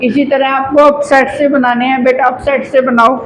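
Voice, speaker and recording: A man's voice: extremely high pitch, little pitch movement, normal speed, fairly bright tone, slight background noise, poor audio. A man teaching English grammar to a classroom of students in Hindi with a Haryanvi accent, coaching them patiently and calling them "beta". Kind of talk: classroom lesson.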